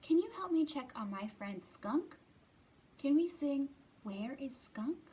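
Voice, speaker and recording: With a warm, high voice that's very animated yet measured in pace, a woman hosts storytime in a library. She reads, runs puppet play and a sing-along, and keeps her language simple and encouraging for little kids.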